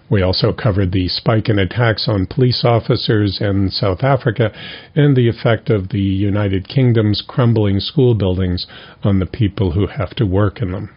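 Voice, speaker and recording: A man reporting labor news for a radio program in a steady, scripted read. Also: fairly low pitch, breathy edge. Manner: steady read-aloud delivery. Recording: dull lo-fi radio recording.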